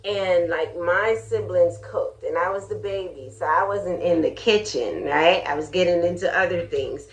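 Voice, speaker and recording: A woman's voice: on the low side, normal speed, few pauses. A middle-aged woman from Jamaica hosting a casual cooking vlog, chatty and candid, laughing often as she talks. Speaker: vlogger, channel host.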